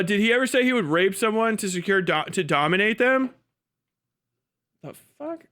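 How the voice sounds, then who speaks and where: His high voice sounds pushed and bright, clear and resonant, as this livestream host and commentator reads aloud and riffs. He's casual, incredulous and foul-mouthed, playing out mocking dialogue he imagines.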